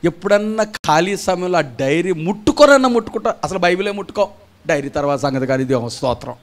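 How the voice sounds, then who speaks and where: A man's voice: high-pitched, animated, fast. A man preaching a gospel sermon, scolding the congregation with rhetorical questions and mocking imitations of churchgoers. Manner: acts out churchgoers' voices mockingly. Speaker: pastor. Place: church gathering.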